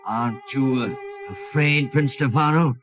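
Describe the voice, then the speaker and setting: An actor playing a bluff, puzzled, loyal middle-aged British doctor in a 1940s radio drama, blustery and huffing. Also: male voice, medium pitch, unhurried, music in the background, close to an everyday voice. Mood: hesitant, bemused.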